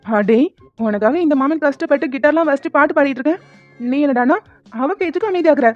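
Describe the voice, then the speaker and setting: A woman's voice: high-pitched, fast talker, no room sound, soft background music, lightly acted. A woman voicing a playful young uncle in a cartoon who sings badly and jokes around with the family. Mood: indignant. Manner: teasing, joking. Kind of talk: cartoon voice acting. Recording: dull lo-fi recording.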